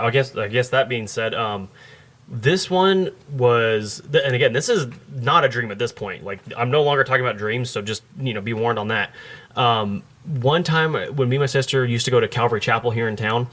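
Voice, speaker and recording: A man's voice: mid-range voice, moderate pace, a bit bright. A man hosting a podcast, telling a long story in casual chat with many fillers and restarts. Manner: rambling, lots of fillers and restarts. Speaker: podcast host.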